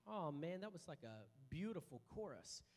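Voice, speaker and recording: A man's voice: fairly high pitch, sing-song, normal speed, a little mellow. A man preaching a sermon in an informal, conversational way, speaking directly to his congregation in a large hall. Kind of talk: sermon to a congregation with children, with call-and-response. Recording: long hall reverb.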